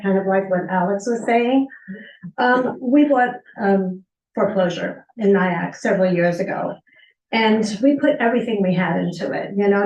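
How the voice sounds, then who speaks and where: A woman, a landlord speaking at a public comment session, who earnestly explains her point step by step. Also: medium pitch. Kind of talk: public comment at a village board meeting. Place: village board meeting room. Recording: echoey meeting hall, distant mic.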